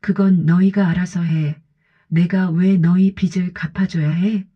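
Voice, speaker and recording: A woman's voice: lowish voice, steady tone, measured pace, husky. Sunja, a cold stern old mother, read by a woman. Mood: angry. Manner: curt, cold and firm. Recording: slightly dull lo-fi audio.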